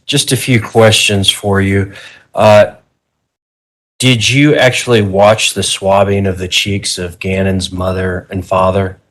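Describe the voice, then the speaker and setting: Deep-voiced man, lawyer, courtroom questioning, informal conversational phrasing. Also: little pitch movement, slow, fairly bright tone, rough recording. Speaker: defense attorney cross-examining.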